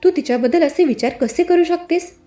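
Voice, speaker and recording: A woman's voice: very high-pitched, fairly quick, echoey room, faint music behind, pitched above the performer's own voice. A woman voicing a firm, stern adult man who argues with his wife and comforts his young niece. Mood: angry. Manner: firm, stern, then gently reassuring. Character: angry but caring husband and uncle, adult man.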